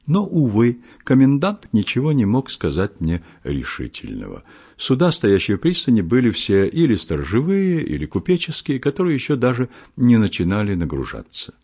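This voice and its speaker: A man reading a literary story aloud in a measured, expressive storytelling manner, his voice husky. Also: medium pitch. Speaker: audiobook reader. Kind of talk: literary audiobook narration. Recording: muffled lo-fi recording.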